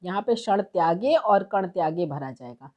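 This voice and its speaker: A woman teaching as a tutor, explaining textbook exercises step by step and slowing down to read verses aloud. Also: fairly low pitch, expressive, dull audio. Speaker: Sanskrit tutor.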